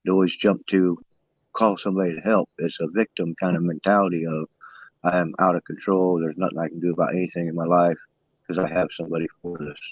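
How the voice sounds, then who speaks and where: A man's voice: low voice, level tone, fast, slightly rough, no echo. A man calling in as a guest on a casual panel chat, his voice coming through fuzzy and distorted from a phone, musing bluntly. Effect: fuzzy distorted muffled call audio. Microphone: phone resting on a pad. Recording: muffled, distorted lo-fi phone call.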